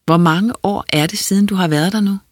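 A hesitant grown sister, soft-spoken and gently probing, as an audiobook reader puts her on. Her voice is a little husky and close, with a dry sound and no room around it. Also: medium pitch, no echo, voice pushed up, close to an everyday voice. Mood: uneasy. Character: hesitant adult woman, narrator's sister.

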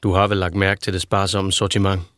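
A man voicing a calm, persuasive young man who speaks slowly and patiently in an audiobook. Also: sits low, dry recording, clean studio sound, pitched below the performer's own voice. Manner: slow, soothing, measured.

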